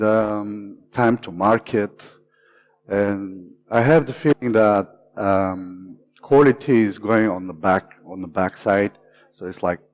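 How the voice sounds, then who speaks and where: A man's voice: on the low side, a little mellow. A man in his forties from Bulgaria with a Bulgarian accent, giving an earnest conference talk full of fillers. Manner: earnest, many fillers, stresses key words. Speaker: conference speaker. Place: conference room. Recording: dull lo-fi room recording.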